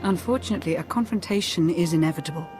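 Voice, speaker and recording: A woman playing a composed, loyal advisor in a sci-fi video game, speaking in a grave, measured, articulate way. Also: fairly low pitch, natural voice. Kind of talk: scripted video game dialogue. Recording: music behind the voice.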